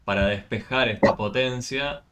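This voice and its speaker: A man's voice: mid-range voice, moderate pace, very noisy. A man tutoring math over a video call, explaining step by step with many fillers. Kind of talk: online tutoring session.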